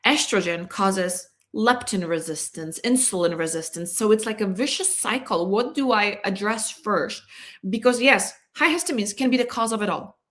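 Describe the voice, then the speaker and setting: A woman's voice: mid-range voice, lively intonation, moderate pace, fairly bright tone. A woman from Poland, a wellness coach giving an earnest, chatty health talk and speaking straight to her viewers. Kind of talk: casual health talk to camera.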